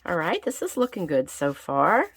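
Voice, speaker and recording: Low, gravelly whiskey-voiced woman. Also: huge pitch swings, moderate pace, no room sound. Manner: chatty, thinking aloud while working. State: getting over a recent illness. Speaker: craft channel host. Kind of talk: casual craft tutorial chat.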